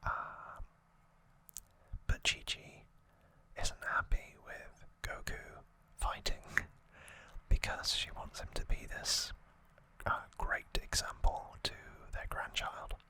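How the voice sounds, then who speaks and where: The speaker is an ASMR host whose voice stays a soft, breathy whisper. The recap is easygoing and slow, peppered with chatty side remarks.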